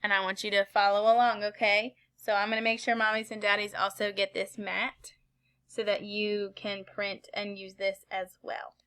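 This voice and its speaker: A woman's voice: medium pitch, completely flat delivery, normal speed, a bit bright. A woman teaching young children in a circle-time lesson like a kids show host, with simple, encouraging instructions, questions and repetition. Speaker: preschool teacher.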